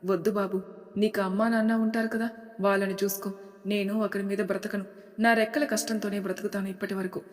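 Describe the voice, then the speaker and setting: This is a weary, gentle older mother in a storybook drama, voiced by a woman narrator. Her voice sits at an ordinary middle pitch and stays soft and kindly. A long reverb trails after her words, as if she is in a large hall. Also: flat delivery, brisk, lightly acted.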